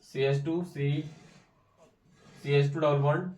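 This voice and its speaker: His pitch is fairly high, his tone level, his pace slow and a little mellow: a young man tutoring chemistry casually, drilling each step and repeating answers. When challenged, he gets teasing and pushy. Captured from a distance with roomy echo, it plays like an informal classroom explanation.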